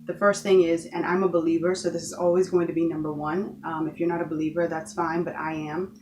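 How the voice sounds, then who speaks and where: A woman's voice: low-pitched, flat delivery, fairly quick, darkish tone, slight background noise. A woman from the Bahamas giving an earnest motivational talk in her vlog, encouraging viewers and repeating points for emphasis. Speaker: vlogger.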